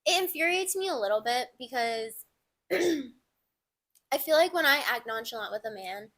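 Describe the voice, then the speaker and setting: Her voice on the high side and her speed normal, a twenty-something woman co-hosting a podcast keeps things casual. Stories come out lively, with her performing the quoted lines of other people.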